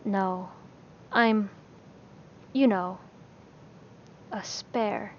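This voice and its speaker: A woman voicing a weary, formal young priest who speaks in a crisp, reserved way. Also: medium pitch, drawn-out words, slight background noise. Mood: quiet, crisp. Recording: slightly dull lo-fi recording.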